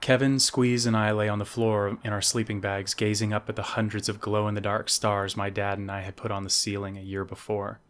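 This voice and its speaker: A man, the author, reading his own novel aloud as measured scripted narration. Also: lowish voice, flat delivery, a bit bright.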